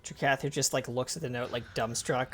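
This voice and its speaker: Mid-pitched man narrating as a player. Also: fairly even intonation, brisk, a bit bright. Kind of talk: casually narrating a character's actions.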